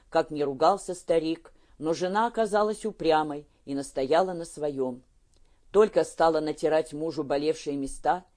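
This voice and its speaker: A man narrating an audiobook of a historical novel in a measured, even storytelling manner. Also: a little high.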